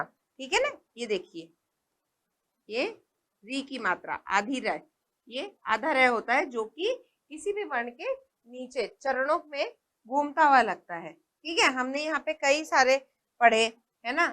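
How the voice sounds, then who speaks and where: A woman with a high-pitched, sharp voice teaches a primary school lesson patiently, explaining slowly, asking questions, and pointing at the book to show examples as she talks.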